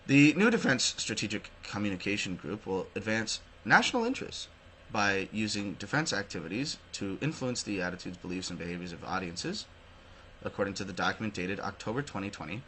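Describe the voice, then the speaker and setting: A Canadian-accented man hosts his own online show of opinionated news commentary, partly reading articles aloud. He is emphatic, sardonic and prone to swearing, with a lowish, bright, forceful voice that swings widely in pitch and runs a little fast. The low-quality recording carries slight hiss or hum.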